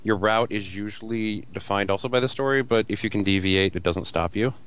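A man's voice: lowish voice, fairly quick, fairly bright tone. A man chatting casually as a panelist, explaining things informally in a conversation about video games. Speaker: panelist on a video game discussion.

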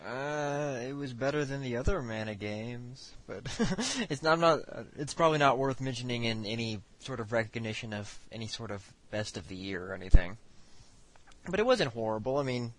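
A man in casual podcast talk, hesitant and prone to stumbling restarts. His pitch sits in an ordinary middle range. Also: a little fast, a bit bright. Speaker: podcast co-host.

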